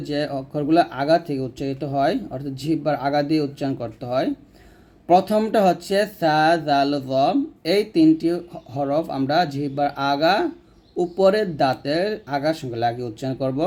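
A man gives a patient recitation lesson, explaining each sound and then drawing out the practice syllables very slowly. His voice sits a little high for a man. It has a mellow, dark tone. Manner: slowly drawn-out demonstration syllables between explanations. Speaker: Quran recitation teacher. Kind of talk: step-by-step pronunciation lesson.

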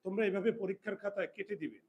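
High-voiced male teacher dictating rules. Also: highs cut off, slight background noise. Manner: slow dictation, repeating rules for students; asks students checking questions. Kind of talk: Bengali grammar lesson.

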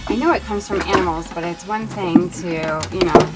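A woman in her thirties, chatting casually on a boat with a quick, filler-heavy flow. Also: on the low side, loud music behind the voice, low-quality recording. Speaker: sailing vlogger. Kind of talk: casual chat.

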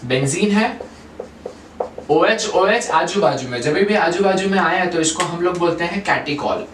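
A man teaching a chemistry lesson at a whiteboard, keeping the class involved with questions and slipping English terms into his explanations. His voice sits a little high for a man. He is recorded from some distance in an echoey room with a faint hiss underneath. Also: unhurried. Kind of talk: whiteboard lecture. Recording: echoey room, far from mic, faint noise.

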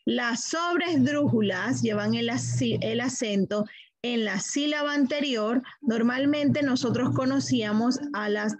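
A fairly high-pitched woman teaching a lesson in a dry, close-sounding setting. She is middle-aged and explains step by step. She poses questions to the class and then answers them herself. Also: a little slow, no echo, poor audio.

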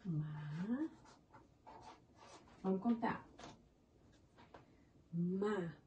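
This primary school teacher has a fairly low, warm voice and draws out her words while teaching young children in Brazilian Portuguese. She encouragingly counts the syllables in animal names and praises the kids, spelling words syllable by syllable. The recording is muffled and distant, with a little hiss or hum.

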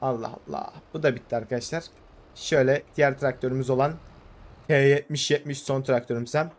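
A young man giving casual, excitable commentary over a farming game, urging the vehicle on with quick repeated words. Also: mid-range voice. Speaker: gaming YouTuber. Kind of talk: casual let's-play commentary.

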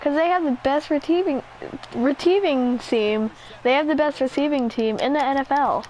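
A woman playing a video game and commentating excitedly, shrieking and squealing at every play, with a sore throat. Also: high-pitched, normal speed, slight background noise, low-quality recording. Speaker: gamer. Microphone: headset mic near the ear.

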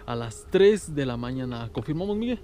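A man in his twenties with a Mexican accent hosts a casual night exploration vlog outdoors, speaking in short, slangy phrases. His mid-range voice has a sing-song lilt at normal speed, recorded on a noisy outdoor phone video.

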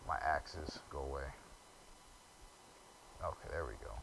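A young gamer with a low, deep, creaky voice gives casual let's play commentary at an unhurried pace, grumbling and stumbling over the quest text he reads aloud. Background noise can be heard.

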